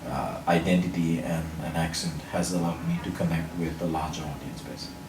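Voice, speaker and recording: A man from Sri Lanka who has won public speaking titles responds to an interviewer in a careful, explanatory style, stacking his ideas into lists. His rumbling low voice keeps a fairly even intonation, and his mostly neutral English hints faintly at Sri Lanka, where his first language is Sinhala or another local language. Distant miking leaves roomy echo and faint noise.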